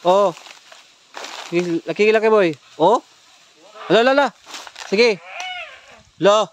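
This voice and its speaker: A man with a high-pitched voice hunts ghosts outdoors in a forest, barking tense, urgent orders to his team. A faint wash of outdoor noise sits behind him. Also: takes it slowly. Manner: urgent, tense commands directing companions. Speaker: ghost hunter. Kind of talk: ghost-hunting vlog narration.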